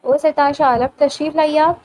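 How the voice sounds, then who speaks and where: A woman's voice: high voice, fairly even intonation, a little mellow, a little hiss or hum, lightly acted, low-quality recording. A woman voicing a stern male college teacher who scolds with sarcasm. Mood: scolding.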